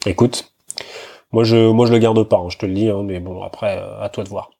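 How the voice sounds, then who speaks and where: A man's voice: on the low side, fairly even intonation, brisk, vocal fry, warm tone. A man giving horse race picks in a chatty, informal way, full of fillers and asides to the listener. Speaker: horse racing tipster. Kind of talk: casual podcast analysis.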